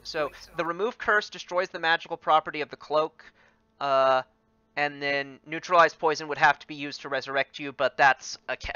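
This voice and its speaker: Bright, halting man game master. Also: mid-range voice, clean tone, no room sound. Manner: hesitant, many ums and restarts. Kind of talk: narrating a tabletop game. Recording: dry, muffled voice chat.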